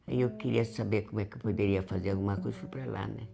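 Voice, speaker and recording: A woman recalling past times in an interview, halting and restarting her sentences. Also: extremely low pitch, fairly even intonation, gravelly. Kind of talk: reminiscing interview.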